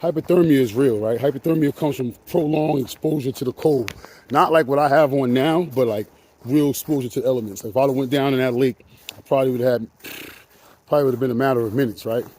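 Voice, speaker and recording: A man's voice: mid-range voice, fast talker, darkish tone, slight background noise. A man vlogging outdoors in winter, talking in a slangy, chatty way and a little out of breath. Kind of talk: casual outdoor vlog. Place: outdoors on a frozen lake in winter.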